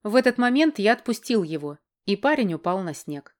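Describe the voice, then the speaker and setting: A woman reading a first-person fantasy audiobook in a steady, measured way. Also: medium pitch. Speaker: audiobook narrator.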